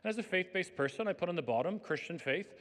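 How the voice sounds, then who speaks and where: A man's voice: high voice, animated, fast, fairly bright tone. A man giving an earnest, conversational faith-based talk to educators, his voice a little worn from days of speaking. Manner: conversational, earnest, numbered points. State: tired, slightly worn voice. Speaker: conference speaker. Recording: long hall reverb.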